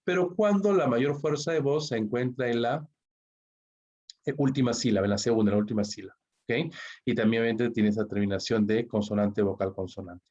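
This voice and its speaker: Speaking at a fairly quick clip with a medium pitch and darkish tone, this Peruvian man leads an online English grammar class in a Peruvian Spanish accent. He works through each rule step by step, tacking "¿ok?" and "¿no?" onto almost every line. Sound quality is dull and lo-fi.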